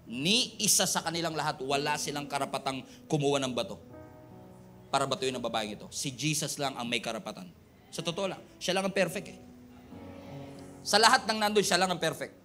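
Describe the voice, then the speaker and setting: A male pastor with a Filipino accent preaching an animated sermon, switching between Tagalog and English and mimicking voices for humor. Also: a little high.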